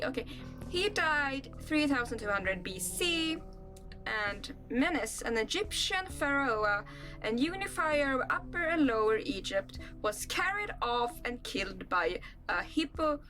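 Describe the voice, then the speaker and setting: A woman's voice: sits high, a bit bright. A young woman with a Swedish accent, hosting a casual reaction vlog, reading a list aloud and musing in rambling asides. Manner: rambling, musing asides between read-out passages. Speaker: channel host.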